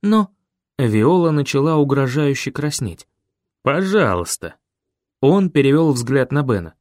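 A male audiobook narrator reading with a lively, rising and falling delivery. His voice sits mid-range, recorded close with a dry, deadened sound. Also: mid-range voice, moderate pace, no echo. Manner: steady, expressive reading. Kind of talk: scripted narration.

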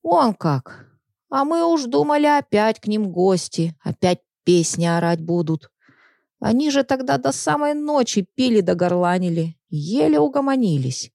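A woman voicing a grumbling, nosy old woman who gossips in a slow, drawling voice. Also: mid-range voice, very animated, vocal fry, warm tone, no echo, studio quality, pitched above the performer's own voice. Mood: eager.

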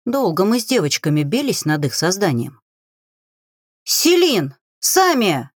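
A woman narrating an audiobook in a playful, expressive storytelling manner, recorded on a close studio mic. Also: fairly low pitch, brisk, no echo.

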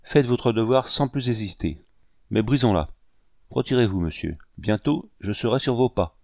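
A man's voice: medium pitch, moderate pace, darkish tone, dry recording, clean studio sound, lightly acted. A man reading an audiobook, voicing a young officer who speaks frankly and severely. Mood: stern. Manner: severe, disdainful.

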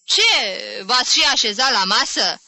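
A tipsy, pompous old gentleman drawls his words through his nose, gallant one moment and touchy the next, as a woman acts him out in an audiobook. The voice is pitched high and bright. The recording is close and dry. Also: lively intonation, no room sound. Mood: tipsy, indignant. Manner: nasal drawl, gallant yet offended. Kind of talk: audiobook reading.

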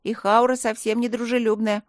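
A woman voicing a tiny male fairy who talks in a high, cheerful, earnest way. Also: little pitch movement, brisk, no room sound, studio quality, close to an everyday voice.

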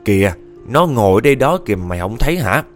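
A man's voice: fairly low pitch, big pitch swings, fast, soft background music. A man doing an insistent young student girl. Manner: urgent, pointing things out.

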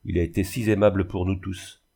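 A man's voice: low voice, little pitch movement, a little fast, creaky, mellow. A man voicing an indignant young woman in a reading of a classic novel, speaking scornfully. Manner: exclaiming, scornful.

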